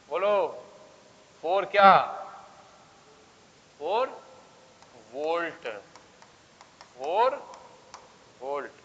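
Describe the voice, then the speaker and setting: A man's voice: fairly high pitch, fairly bright tone, slight background noise. A male physics teacher lecturing a class, coaxing students with constant questions and asking for yes or no answers. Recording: dull sound with long reverb.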